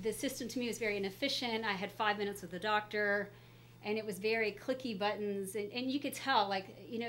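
A woman's voice: medium pitch, fairly bright tone. Female guest, middle-aged, casual and chatty, voice coming through a face mask, noisy recording. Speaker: guest pediatrician. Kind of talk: casual interview, telling career story. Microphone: speaking through a face mask.

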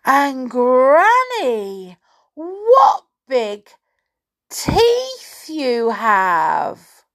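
A woman's voice: high-pitched, wildly swooping pitch, drawn-out words, voice pushed up, heavily acted. A woman voicing a sweet, innocent little girl in a storybook tale, with exclaiming, wide-eyed wondering delivery. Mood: concerned, wondering.

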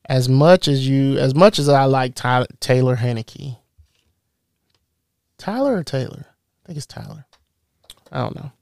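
Gravelly, smooth-voiced man chatting sports. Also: mid-range voice, expressive, a little slow, pauses often, a little mellow, no echo, studio quality. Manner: rambling, stumbles over words. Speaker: podcast co-host. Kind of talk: casual sports chat.

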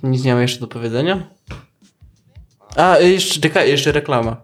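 A man's voice: medium pitch, normal speed. A man co-hosting a podcast, talking casually and joking around with the others. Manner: joking, playful. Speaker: podcast co-host. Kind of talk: casual chat.

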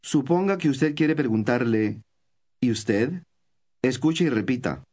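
A man giving scripted instructions in a language course, with calm, measured prompts for the listener to repeat. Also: mid-range voice.

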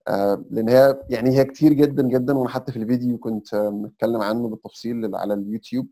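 Fast, gravelly Egyptian man. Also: medium pitch, fairly even intonation, mellow. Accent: Egyptian Arabic. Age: young adult. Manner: explains step by step, sprinkles English terms. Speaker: podcast guest. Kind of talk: casual advice chat.

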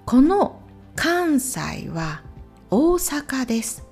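A woman speaking slowly and clearly in simple phrases, recommending channels with gentle asides. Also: high voice, sing-song, faint music behind. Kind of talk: slow, clear talk for Japanese learners.

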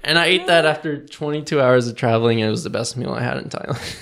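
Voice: medium pitch, fast, vocal fry, fairly bright tone. A co-host telling a funny travel anecdote in casual chat, often laughing and swearing lightly.

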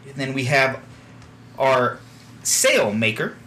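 Man voicing a Southern-drawling tiefling captain, gruff and measured, podcast game. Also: mid-range voice, sing-song, bright, forceful tone, heavily acted. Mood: steady.

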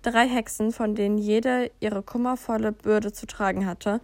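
A woman podcast co-host reading a fairy tale aloud in a calm narrating manner. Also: medium pitch, moderate pace, no echo.

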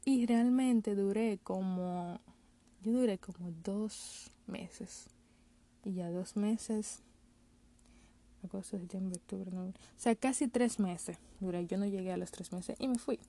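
Speaking slowly in a warm, mid-range voice, this vlogger shares a relaxed story from her own life with viewers. Her chatty delivery keeps slipping in English words from call-center work.

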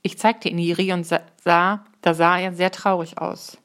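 A woman reading a children's book aloud in a calm, measured way, now and then correcting small slips. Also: on the low side. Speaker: audiobook reader.

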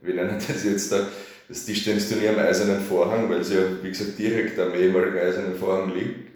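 A man speaks in a low voice, easy and chatty. He explains his festival with loose, rambling sentences and keeps tossing in little tags to draw agreement. The room around him rings with strong echo. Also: flat delivery, quick pace, a little mellow. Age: 30s. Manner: chatty, filler-heavy, asks for agreement. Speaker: festival organizer. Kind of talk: casual radio interview. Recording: very echoey room.

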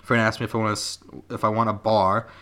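A man's voice: fairly low pitch, little pitch movement, fast talker, pushed and bright. Man in his twenties, podcast co-host, reading aloud, casual, laid-back, laughs a lot.

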